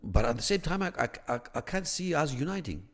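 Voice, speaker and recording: This Greek theology scholar, a podcast guest, works through ideas in a measured, searching conversational explanation, restarting a lot, dropping "you know" fillers and pushing emphasis upward on key points. His voice sits on the high side with big pitch swings and a gravelly edge. A long reverb tail trails off the room.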